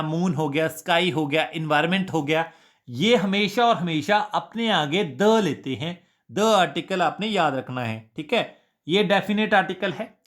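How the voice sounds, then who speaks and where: Male tutor, exam-prep lesson, unhurried delivery, quizzes the class and answers himself. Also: sits high, fairly bright tone. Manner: drills students with repeated questions and answers. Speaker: teacher.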